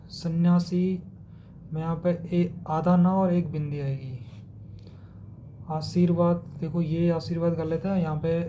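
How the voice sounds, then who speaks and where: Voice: mid-range voice, warm tone, a little hiss or hum. A teacher giving an exam-prep spelling lesson, methodically contrasting wrong and right word forms and mixing in English words. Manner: mixes English words into Hindi explanation.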